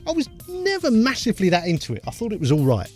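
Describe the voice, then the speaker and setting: Lively chatty man in his fifties. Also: high voice, quick pace, faint music behind. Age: 50s. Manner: chatty, laughs often, loses names mid-sentence. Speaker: co-host of a music production show. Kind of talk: casual chat reviewing audio gear.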